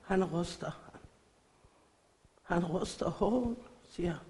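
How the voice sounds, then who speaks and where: A middle-aged woman from Iran, giving an emotional church faith testimony in halting phrasing. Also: on the low side, warm tone. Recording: echoey hall.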